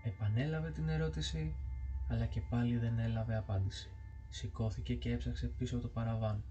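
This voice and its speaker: A man narrating a ghost story from a book, reading in a steady, measured way. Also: mid-range voice, highs cut off, soft background music. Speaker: audiobook narrator.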